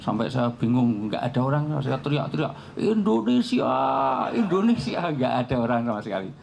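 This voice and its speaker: A man preaching at a live forum, mixing teaching with jokes and little anecdotes. His voice sits at a middling pitch with a gravelly rasp. A faint noise hangs in the background. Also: steady tone, fast, darkish tone. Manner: joking, anecdotal storytelling with frequent laughs. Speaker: Islamic preacher. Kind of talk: humorous religious talk at a live forum.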